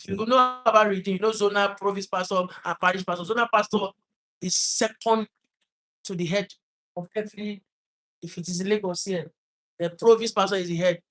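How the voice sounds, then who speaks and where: A Nigerian man speaks in a fairly high voice, telling a personal story straight to the camera. His delivery is earnest and halting, full of restarts and repeated words. He sounds like he is trying hard not to cry. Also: fairly even intonation, a bit bright. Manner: holding back tears.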